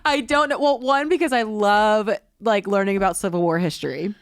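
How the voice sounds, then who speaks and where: A woman's voice: medium pitch, moderate pace, no room sound, studio quality. A young woman co-hosting a podcast, chatting casually in an earnest, giggly way. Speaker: podcast co-host. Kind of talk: casual chat.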